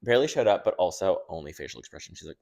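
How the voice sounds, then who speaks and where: A man's voice: sits low, very animated, rapid-fire, vocal fry, a little mellow, highs cut off. A man co-hosting a podcast in casual, playful, teasing chat. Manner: playful, teasing banter with laughs. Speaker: podcast co-host.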